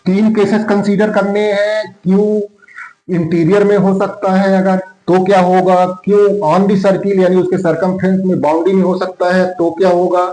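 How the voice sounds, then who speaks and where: A man with a high, mellow voice and level tone dictates a geometry proof slowly during a classroom lesson at a board, his Hindi sprinkled with English terms. As he writes, he poses questions to himself and answers them. The room is echoey.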